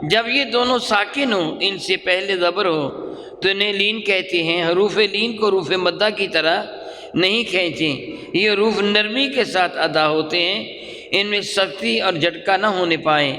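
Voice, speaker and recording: A man's voice: sits high, unhurried, pushed and bright, a little hiss or hum. A man teaching Quran recitation in a class, drilling sounds and asking questions, then repeating the answers. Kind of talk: classroom lesson with call and response. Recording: long hall reverb.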